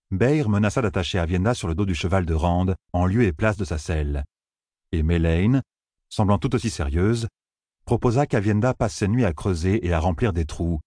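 A man narrating a fantasy novel in a measured, even reading. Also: deep voice, no room sound, clean studio sound. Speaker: audiobook narrator.

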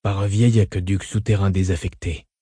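A man's voice: medium pitch, steady tone, brisk, warm tone, husky, dry recording, natural voice. A man voicing a terse male escort who gives clipped, urgent orders and whispers when hiding. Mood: whispering.

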